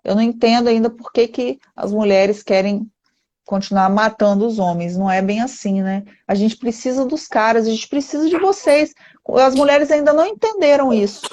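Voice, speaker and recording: A woman's voice: a little high, normal speed, a little mellow, dull audio. A woman with a Brazilian Portuguese accent, hosting a live-stream interview as a therapist and speaking earnestly, often ending points with "né?". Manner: earnest, emphatic, with frequent "né?" tags.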